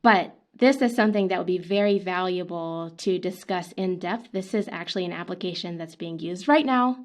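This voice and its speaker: A woman's voice: lowish voice, moderate pace. A woman co-hosting a science podcast in an upbeat, chatty way, with many fillers and restarts. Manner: upbeat, lots of fillers and restarts, laughs often. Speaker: podcast co-host.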